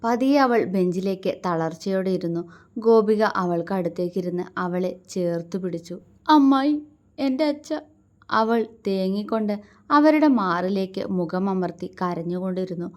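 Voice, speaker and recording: Woman softly narrating a love story. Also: lowish voice, moderate pace.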